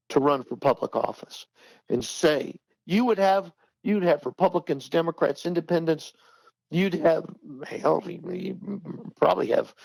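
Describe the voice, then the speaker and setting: An older man talking heatedly on a podcast, repeating himself for emphasis and rising in pitch when worked up. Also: vocal fry, husky, dry recording, poor audio. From Texas. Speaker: podcast guest. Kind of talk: impassioned talk-show commentary.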